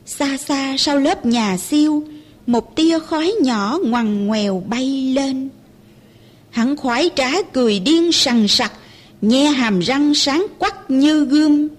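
A woman reciting poetry with measured, dramatic declamation. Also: sits high, a little mellow.

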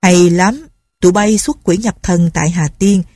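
A woman voicing a boastful old bandit leader who booms and mocks. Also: unhurried, warm tone, no room sound, studio quality. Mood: mocking.

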